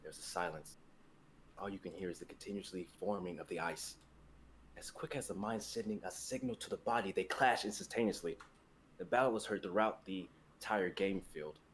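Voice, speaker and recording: A young adult man with a fairly low voice reads a dramatic script aloud, including the scene and action directions. He speaks briskly, and the low-quality recording has noticeable background noise and room ambience.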